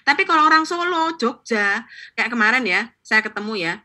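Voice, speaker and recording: Fast-talking bright woman teaching on a call. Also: on the high side. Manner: fast, lively, chatty, with playful acted-out examples. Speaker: insurance agent teaching sales technique. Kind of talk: live online training session. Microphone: video call.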